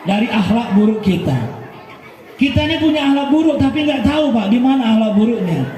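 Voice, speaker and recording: Very high-voiced joking male preacher. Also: a little mellow, slight background noise. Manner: joking, calls out to listeners constantly. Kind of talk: humorous sermon with crowd banter. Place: mosque celebration with congregation. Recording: echoey mosque hall, crowd murmur.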